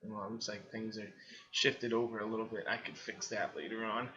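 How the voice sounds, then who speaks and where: A man's voice: on the low side, little pitch movement, brisk, pushed and bright, dull audio. A man with a Boston accent giving a casual weather rundown, talking loosely with many fillers. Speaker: weather analyst. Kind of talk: casual screen-share commentary.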